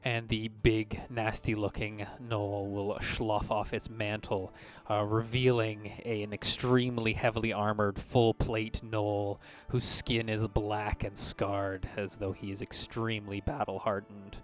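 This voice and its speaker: A man acting as game master, improvising narration of tabletop combat in a halting but descriptive way. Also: fairly low pitch, little pitch movement.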